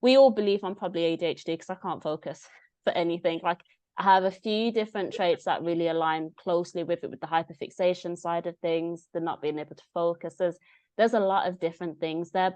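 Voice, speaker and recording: This young woman's voice sits on the low side, recorded with no room sound. She's chatting as a guest on a podcast in an easygoing interview, telling animated stories and quoting herself as well as other people.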